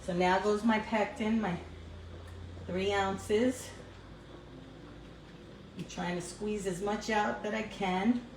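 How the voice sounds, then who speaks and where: A woman's voice: mid-range voice, steady tone, slow, long pauses, a little mellow, roomy sound, slight background noise, rough recording. An older woman with a New York accent, chatting casually with her viewers while cooking in her kitchen, recorded on a phone. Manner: chatty, answers viewers as she cooks. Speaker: cooking livestream host. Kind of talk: casual live cooking chat. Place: home kitchen.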